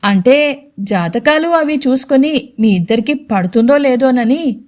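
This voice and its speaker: A scheming middle-aged mother, played by a woman needles and hesitates and turns sarcastic. She speaks in a slightly high voice in this audio storybook. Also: lively intonation, unhurried, a little mellow. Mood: hesitant.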